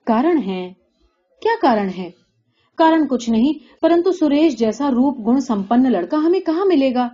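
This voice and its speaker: A woman's voice: sits high, expressive, mellow, voice pushed up. A woman reading as a pleading village mother. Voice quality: pleading, insistent. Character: anxious middle-aged village mother, insistent. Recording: dull lo-fi recording.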